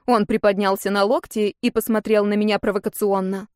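A woman narrating a first-person fantasy audiobook in an expressive, lively storytelling manner. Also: medium pitch, brisk, smooth, no room sound, studio quality.

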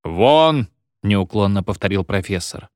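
A man narrating a satirical story with expressive, lively storytelling. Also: on the low side, normal speed, no room sound, clean studio sound. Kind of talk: audiobook reading of a satirical story.

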